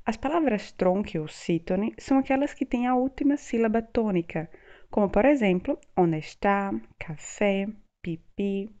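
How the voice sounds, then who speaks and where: A woman teaching an online language lesson, explaining slowly and spelling out example words one by one. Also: mid-range voice, mellow, highs cut off. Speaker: Italian teacher.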